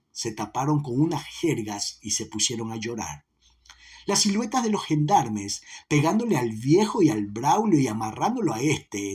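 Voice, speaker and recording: Brief: male audiobook narrator, husky, dramatic, animated pitch. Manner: dramatic, varied reading.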